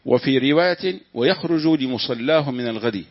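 A man reading a classical religious text aloud to his teacher, steady, with small slips he corrects. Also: medium pitch, normal speed, no echo. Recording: dull, dry lo-fi room recording.

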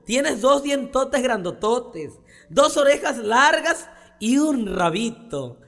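A man's voice: very high voice, big pitch swings, slow pace, gravelly, fairly bright tone, pitched above the performer's own voice, full character voice. A comedian voicing a scheming male skunk in a joke, with a Costa Chica Mexican accent. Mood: sly. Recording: reverberant recording with salsa music.

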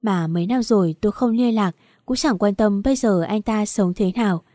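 Người phụ nữ kể chuyện, giọng trầm ấm. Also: female voice, medium pitch, normal speed, mellow, no echo, clean studio sound. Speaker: narrator. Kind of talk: first-person storybook narration.

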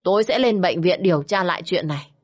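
A woman's voice: lowish voice, lively intonation, fast talker, dull audio. A woman voicing a stern, wronged older woman who questions coldly and sharply. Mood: suspicious.

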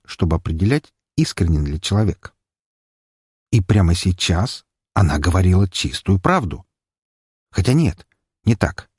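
A man narrating an audiobook in the first person with expressive, lively storytelling. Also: lowish voice, slightly rough, no room sound, clean studio sound.

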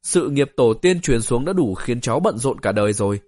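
A polite young man who speaks respectfully to his elders, as a male narrator puts him on, quick and politely refusing. His voice sits at a middle pitch. The sound is close and dry. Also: lively intonation, a little mellow, no echo, close to an everyday voice.

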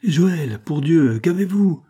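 A man voicing a jovial, gossipy old male peddler in a storybook reading, hearty and loud. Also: medium pitch, normal speed, lightly acted. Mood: urgent.

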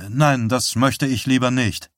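A man's voice: medium pitch, fairly even intonation, a little slow, no room sound, clean studio sound, close to an everyday voice. A man voicing a tired, bewildered young man who answers hesitantly. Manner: hesitant, quiet.

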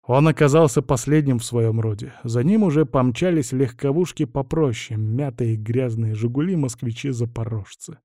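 Man reading a gritty audiobook, low mellow tone, dry close sound. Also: normal speed, hardly any pauses, dry recording. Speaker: audiobook narrator. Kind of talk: dramatic first-person audiobook reading.

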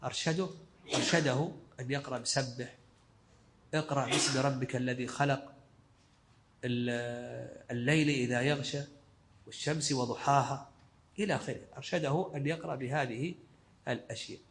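A man's voice: mid-range voice, steady tone, normal speed, pauses often, fairly bright tone. A male sheikh giving a scholarly lesson commentary, explaining in short, repeated phrases. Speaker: sheikh teaching a fiqh text.

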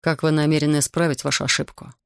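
A man's voice: a little high, flat delivery, fast, vocal fry, clean tone, no echo, clean studio sound. A man reading the lines of a former soldier and fisherman who speaks dryly, bluntly and with sarcasm. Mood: sarcastic, blunt.

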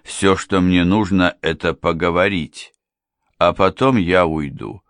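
A man's voice: low-pitched, steady tone, unhurried, fairly bright tone, no room sound, clean studio sound. A man doing a sneering, cold impostor preacher. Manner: insolent, cold, contemptuous. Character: sneering scheming middle-aged male impostor preacher.

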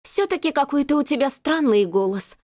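A woman voicing a jealous young woman chattering fast and shrilly on the phone. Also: animated, a little mellow. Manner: rapid, shrill, accusing.

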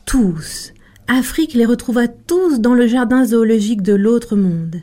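A woman storyteller narrating a tale in an expressive, measured way. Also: fairly high pitch, soft background music. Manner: expressive, measured, slowing for emphasis.

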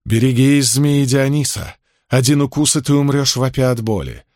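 A man's voice: mid-range voice, animated, moderate pace, darkish tone, no echo, studio quality, close to an everyday voice. A man doing a surly hulking gladiator. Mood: menacing. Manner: gruff, menacing.

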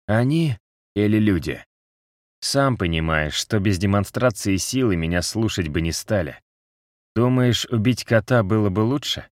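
A man doing a sneering wounded captive in an audiobook, raised above a deep reading voice, lazy and unrepentant. The sound is dry and close, with no room around it. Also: dry recording. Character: mocking wounded male captive, jaw wired. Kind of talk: audiobook character voice.

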